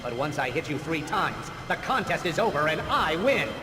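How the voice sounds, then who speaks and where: Over background noise, a man with a slightly high, very animated voice speaks at normal speed, acting the part of a video game villain. The character is a theatrical, boastful showman with a grudge, delivered in a pompous, grandiose and taunting way.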